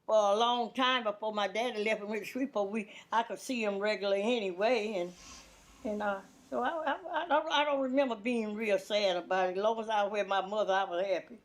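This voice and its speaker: This elderly woman in her nineties, from Louisiana, speaks with a Southern US accent at medium pitch and a slightly fast pace. As an interviewee in a casual oral history, she reminisces plainly, often repeating words and restarting sentences.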